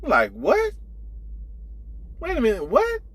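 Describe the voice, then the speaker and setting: Here a man with a very high voice tells a casual gossip story as an online commentator, speaking slowly with huge pitch swings. He comes across blunt, profane and exasperated, repeating himself emphatically to make his points land.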